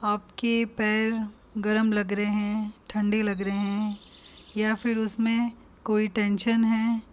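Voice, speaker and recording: Leading a guided meditation, this Indian-accented woman speaks in a mid-range voice. Her instructions are soft and calm, separated by long silences.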